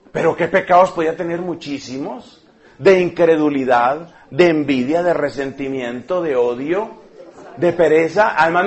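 A man preaching a sermon, emphatic and joking, repeating words for effect. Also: high-pitched.

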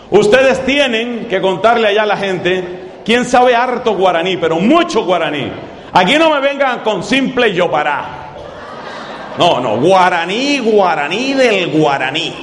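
Emphatic high-voiced preacher in an echoey hall. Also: male voice. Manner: emphatic, repeats phrases slowly for effect. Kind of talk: sermon to a live congregation. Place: large church hall with audience. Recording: echoey hall with crowd noise.

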